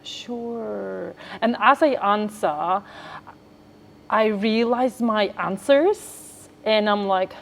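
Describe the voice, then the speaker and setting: A young woman from Tajikistan being interviewed, telling a story in a chatty, animated way with lots of fillers. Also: mid-range voice, slow, a little hiss or hum. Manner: animated, acts out dialogue, many fillers. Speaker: interviewee, trafficking survivor. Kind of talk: conversational storytelling.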